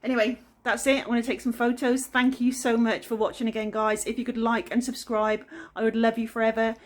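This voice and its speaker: In a brisk, fairly high voice with little pitch movement, a female furniture flipper from the England-Wales border narrates her DIY vlog. She has a West Country English accent and a chatty, rambling, self-deprecating way of talking.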